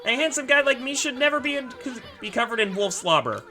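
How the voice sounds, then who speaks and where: A woman's voice: fairly high pitch, expressive, bright, forceful tone, voice pushed up. Woman putting on a cocky little sprite man. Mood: startled. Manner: cocky, brash and quick. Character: tiny boastful male wandering artist sprite.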